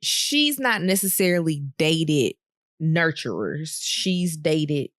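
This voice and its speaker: A woman co-hosting a podcast, recapping a reality TV episode in casual chat, laughing often and filling pauses with "um.". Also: sits low, no echo, studio quality. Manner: laughs often, many ums, relaxed storytelling. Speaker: podcast co-host.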